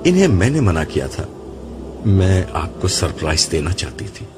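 A man's voice: deep voice, very animated. A man voicing a spirited, affectionate young wife who speaks in an earnest, pleading way, with music behind. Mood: explaining.

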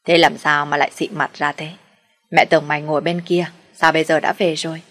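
A woman's voice: sits low, level tone, fairly quick, fairly bright tone. A woman doing a nagging middle-aged mother. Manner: nagging, then soothing.

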